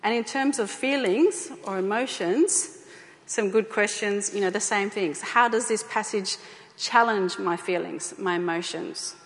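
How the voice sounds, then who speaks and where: A woman with a medium-pitched voice gives an informal talk to a church group, speaking a little slowly. Her conversational style includes fillers and repeated phrases, and the recording has the echo of a hall.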